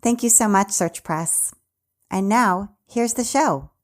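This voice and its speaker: A woman hosting a craft business podcast, reading sponsor copy and a guest introduction in a smooth, upbeat way. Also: mid-range voice, takes it slowly. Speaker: podcast host. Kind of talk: scripted intro and interview.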